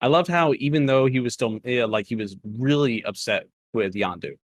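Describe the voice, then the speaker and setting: A man's voice: medium pitch, normal speed, dry recording. A man in mid-register chats loosely about an episode, often doubling back on his words. He chuckles at small nitpicks as he goes. The sound is dry and close, with no room around it. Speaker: co-host reviewing an animated episode. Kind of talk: casual review chat.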